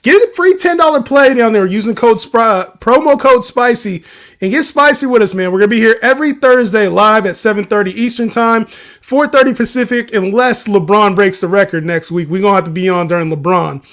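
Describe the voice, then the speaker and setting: A man's voice: high-pitched, a little fast, fairly bright tone. A man co-hosting a casual sports betting livestream, laughing often and teasing his partner. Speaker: livestream co-host.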